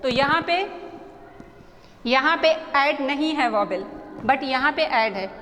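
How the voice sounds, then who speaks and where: A woman teacher with an Indian accent, slowly explaining letters and their pronunciation, often repeating herself and checking whether the class understands. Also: high voice, animated, sharp tone. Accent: Indian English. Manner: slow, repetitive explaining, mixing Hindi and English, checks understanding. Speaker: English teacher. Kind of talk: classroom lesson explaining spelling. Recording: echoey room with faint background noise.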